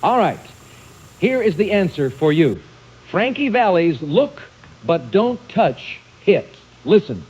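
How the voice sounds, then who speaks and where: A man hosting a quiz show, reading clues and calling on players in a brisk, teasing manner. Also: high-pitched, very animated, a little mellow, slightly rough, dull audio. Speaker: game show host.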